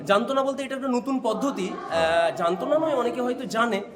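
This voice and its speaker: A man, a school teacher, explaining in an on-site news interview, pausing often on fillers as he goes. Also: extremely high pitch, lively intonation, music in the background. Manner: explanatory, with frequent hesitant fillers. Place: school during a training event.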